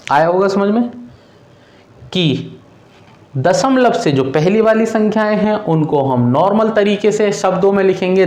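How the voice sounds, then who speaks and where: A man's voice: high-pitched, darkish tone, roomy sound. A male teacher who explains a math lesson to children patiently, repeating each step and calling the students "beta".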